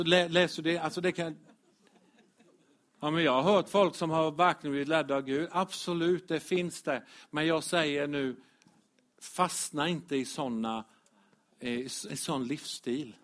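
A man preaching a lively, direct sermon as pastor to his congregation. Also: fairly high pitch. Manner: animated, direct, addresses congregation, chuckles.

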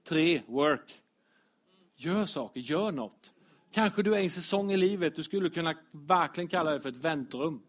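A man preaching a lively, direct sermon as pastor to his congregation. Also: a little high. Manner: animated, direct, addresses congregation, chuckles.

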